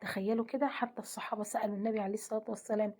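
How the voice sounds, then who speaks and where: A woman with an Egyptian accent giving a gentle devotional talk, often dropping to a half-whisper. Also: mid-range voice, level tone, rapid-fire, slightly rough. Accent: Egyptian Arabic. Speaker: religious speaker.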